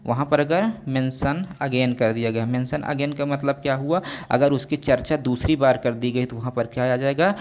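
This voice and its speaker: A male grammar teacher, giving a classroom lecture, who keeps turning his points into questions for the viewers and slows right down to spell out example sentences. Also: medium pitch, darkish tone, a little hiss or hum. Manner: slow and drawn out on example sentences.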